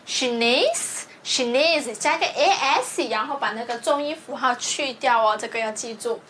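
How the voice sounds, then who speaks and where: A woman's voice: a little high, fairly bright tone, slight background noise. A woman teacher reviewing a language lesson, explaining step by step and often checking with her students. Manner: explains slowly, checks with "对不对". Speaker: Portuguese teacher.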